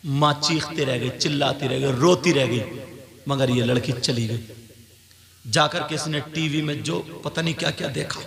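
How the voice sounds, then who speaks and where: A male preacher telling an emotional cautionary tale in a dramatic sermon style, rising into shouted, sung cries. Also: medium pitch. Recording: crowd noise behind the voice.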